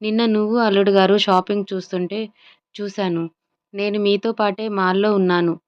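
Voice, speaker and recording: A woman's voice: medium pitch, level tone, normal speed, clean tone, highs cut off, close to an everyday voice. Chatty, cheerful mother, read by a woman. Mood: pleased. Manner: chatty, pleased. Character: cheerful middle-aged mother.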